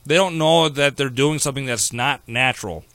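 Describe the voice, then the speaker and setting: A man's voice: medium pitch, moderate pace, a bit bright, dry recording. A man hosting a talk radio show, ranting in a sarcastic, opinionated way.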